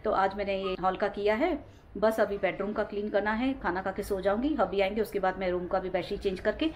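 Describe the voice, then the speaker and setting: A young woman whose first language is Sindhi, chatting at home in a rambling daily vlog, repeating herself, her voice weak and low after being unwell. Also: brisk, darkish tone, slight background noise. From India. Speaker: home vlogger. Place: home, indoors.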